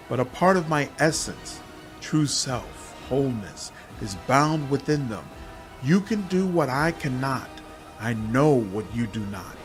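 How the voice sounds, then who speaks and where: In game dialogue, a man with a medium-pitched voice plays a captive, hungry female demon swarm made of many bodies, intoning the words one at a time in a halting way.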